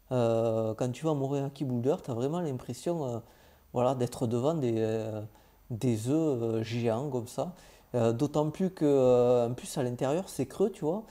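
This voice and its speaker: Young male travel vlogger, casual recap, hesitant delivery, very dark warm voice, mid pitch. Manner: hesitant, many filler "euh"s, chatty and informal.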